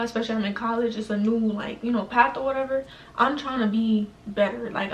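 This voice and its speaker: Chatty young New woman, roomy echo. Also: on the high side. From New York, USA. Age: young adult. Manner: slangy, chatty, heavy use of "like". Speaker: vlogger. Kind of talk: casual storytime chat. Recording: roomy echo, mic at a distance, faint room noise.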